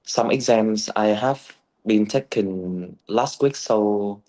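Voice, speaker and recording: A young man answers his teacher slowly and haltingly over a video call. He fills the gaps with fillers and restarts his sentences as he answers. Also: lowish voice, dark tone. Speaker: student. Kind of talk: answering in a speaking test.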